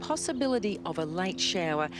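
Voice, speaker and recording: A woman's voice: fairly low pitch, expressive, fairly quick. A middle-aged woman giving a chatty live golf report outdoors into a handheld microphone. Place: outdoors on a practice green. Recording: faint outdoor background noise.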